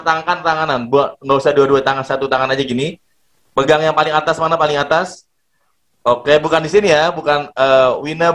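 A man leading an online motivation class for schoolchildren, coaxing and energetic, leaning on the same phrases again and again. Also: mid-range voice. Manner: energetic, coaxing, repeats "ya" and "luar biasa". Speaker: motivational trainer.

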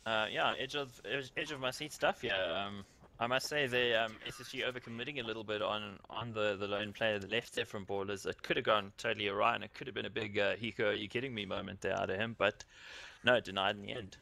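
A man's voice: lowish voice, fairly even intonation, brisk, gravelly, hardly any pauses, pushed and bright, a little hiss or hum. A man from South Africa doing color commentary on an esports match, with joking, wry asides.

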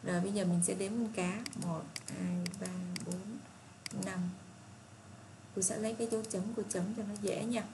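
A woman tutor reading a first-grade math workbook aloud to children, slow and patient, asking them encouraging questions. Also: mid-range voice, steady tone, noisy background. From Vietnam. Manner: slow, patient, reads problems aloud deliberately.

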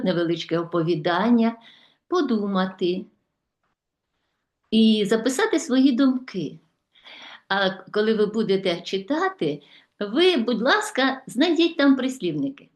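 A middle-aged Ukrainian woman teacher giving a video lesson to schoolchildren, speaking to them warmly and listing examples slowly and deliberately. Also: on the high side, echoey room. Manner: warm, addresses pupils as children, slow deliberate listing.

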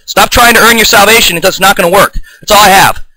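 A man giving an improvised, combative video sermon, reading scripture aloud, often restarting and clearing his throat. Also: high voice, quick pace, bright, forceful tone, dry recording, low-quality recording. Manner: fired-up, combative, denouncing opponents. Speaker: self-taught online preacher.

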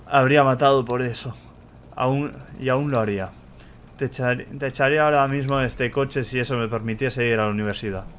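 A sharp-tongued young crocodile woman, read by a man in a mid-pitched voice close to his own. Her lines come out curt and cutting, full of scorn. It is a game read aloud. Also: steady tone, brisk, a little hiss or hum, lightly acted. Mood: bitter.

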